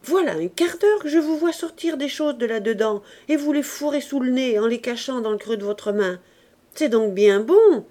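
A woman's voice: high-pitched, expressive, brisk, few pauses, pitched above the performer's own voice. A woman reading as a furious, imperious bourgeois mother. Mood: scolding. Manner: scolding, accusing, loud outbursts. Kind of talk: audiobook reading of a novel.

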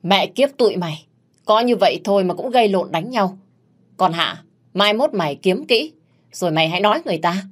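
A woman's voice: sits low, big pitch swings, fairly quick. A woman doing a scolding older housekeeper. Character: scolding middle-aged housekeeper aunt.

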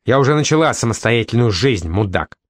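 A man's voice: medium pitch, animated, fairly quick, dry recording, clean studio sound, close to an everyday voice. A man voicing a furious teenage girl who screams and curses at her brother. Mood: shrieking anger. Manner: screaming, cursing. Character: furious shrieking teenage girl, older sister.

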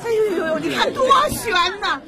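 Chatty neighbor, very high animated voice, loud crowd behind. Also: female voice, normal speed, very noisy. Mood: excited. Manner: excitable, chatty, exclaiming. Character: gossipy excited neighbor woman. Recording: radio play crowd scene behind.

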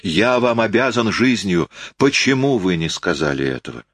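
A man's voice: on the low side, sing-song, moderate pace, fairly bright tone, no room sound, voice pushed up, full character voice. A man reading an audiobook, voicing an impassioned, insistent young man who speaks in emphatic exclamations. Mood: indignant.

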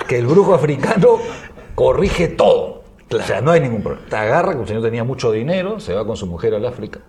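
A man who is a guest on a radio show, telling a joke haltingly with fillers and bursts of laughter. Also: mid-range voice, a little mellow. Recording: noisy radio broadcast.

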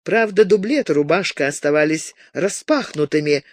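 A man reading a romance novel aloud as narrator with measured, expressive delivery. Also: on the high side, dry recording. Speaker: audiobook narrator. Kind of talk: scripted narration.

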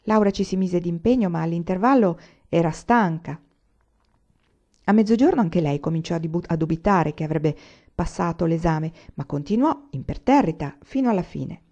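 Woman reader, warm and mellow, steady storytelling, slightly muffled sound. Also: lowish voice, moderate pace. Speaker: audiobook reader. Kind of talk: novel read aloud.

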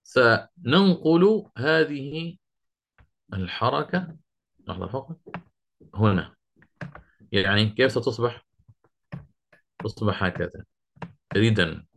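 A middle-aged man teaching Quranic recitation rules, explaining step by step, asking his students questions and reciting verses slowly. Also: mid-range voice, lively intonation, creaky, fairly bright tone, slight background noise. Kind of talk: interactive lesson on Quranic readings.

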